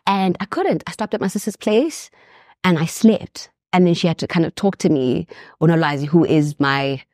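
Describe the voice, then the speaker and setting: Low-voiced woman, heartfelt. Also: normal speed, darkish tone, no room sound, clean studio sound. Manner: heartfelt, reliving painful memories. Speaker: guest. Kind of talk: emotional personal storytelling.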